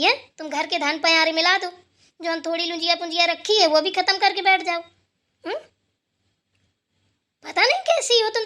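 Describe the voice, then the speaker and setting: A woman's voice: very high voice, bright, forceful tone. Woman voicing a nagging old mother-in-law. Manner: taunting, nagging, sarcastic. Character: scolding sharp-tongued old mother-in-law. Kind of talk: cartoon voice acting.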